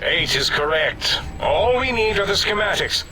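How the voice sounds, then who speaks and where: A man's voice: high-pitched, expressive, measured pace, background noise. An actor voicing a pompous, imperious male scientist in a video game, given to sudden outbursts. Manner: blustering, imperious, with sudden shouts. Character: pompous, bossy male scientist brain, quick to temper.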